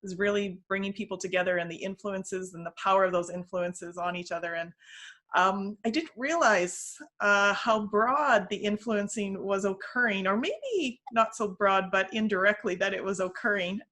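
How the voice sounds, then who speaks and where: A woman co-hosting a casual chat show, talking at an average pitch. She is chatty and friendly, quick to laugh, and speaks as if to a close friend. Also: fairly bright tone. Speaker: co-host.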